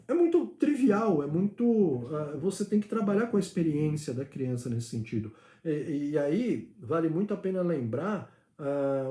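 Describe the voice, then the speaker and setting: A man's voice: high-pitched, dark tone, echoey room. A man, a father teaching his daughter at home, giving a reflective spoken opinion with hesitations and little acted-out exchanges. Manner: reflective, argumentative, many hesitations and acted-out dialogue.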